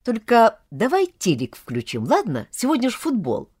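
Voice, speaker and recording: A gruff but caring young man, voiced by a female reader who speaks low and quietly. The recording is dry and close, with no room sound. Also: wildly swooping pitch, moderate pace, no echo, heavily acted. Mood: gentle. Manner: lower, soft, gruff. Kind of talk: audiobook character voice.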